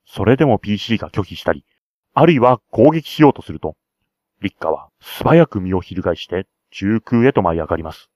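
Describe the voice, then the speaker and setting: A man reads out a tabletop role-play scenario as game master, breaking off into eager asides. His low voice is husky and his pitch moves a lot. The recording is close and dry. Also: very animated, brisk, a little mellow, no room sound. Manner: chatty, enthusiastic side remarks.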